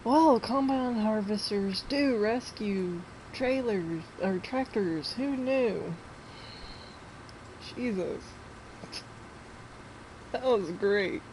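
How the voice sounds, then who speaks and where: A woman's voice: mid-range voice, extremely slow, pauses often, a little mellow, a little hiss or hum. A young woman, chatting casually on a gameplay live stream and laughing often between words.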